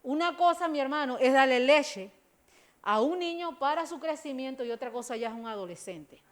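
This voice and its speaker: Panamanian woman pastor, middle-aged, high voice, emphatic sermon delivery. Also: animated, normal speed. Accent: Panamanian Spanish. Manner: preaching with rising emphatic bursts, addressing listeners as brothers.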